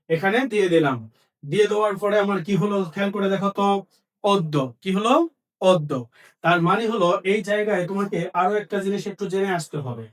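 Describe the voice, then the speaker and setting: A man's voice: sits high, far from the mic. A male teacher giving an exam-prep grammar lesson, asking questions and answering them himself and repeating key points.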